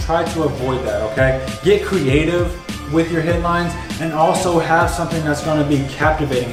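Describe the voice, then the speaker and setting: In a bright, echoey office with music clearly audible, a young man teaches at a whiteboard as a business coach. His voice is a little high and blocked up with a cold, and his energetic, direct delivery keeps checking in with whoever is watching.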